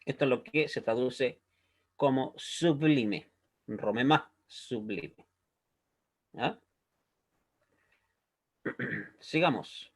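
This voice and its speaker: Speaking in a mid-range voice, this Hebrew teacher moves extremely slowly and pauses often as he explains a recorded language lesson one step at a time. He stays patient and keeps asking "¿ya?" to confirm his listeners follow.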